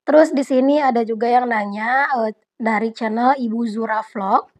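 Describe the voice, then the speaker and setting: A young woman vlogger chatting casually at home, answering viewer questions in a relaxed, talkative way and often addressing her viewers directly. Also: on the high side, normal speed. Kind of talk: casual Q&A chat. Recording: dull lo-fi audio.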